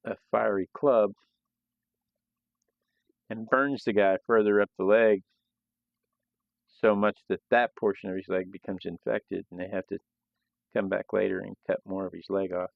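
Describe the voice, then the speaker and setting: A low-voiced man with a gravelly edge chats casually through a live drawing session. He rambles loosely and often restarts his sentences. The sound is dry and dull, with a lo-fi quality. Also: little pitch movement, unhurried, pauses often, no room sound. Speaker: host of a live sketching stream. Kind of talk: casual live-stream talk while drawing.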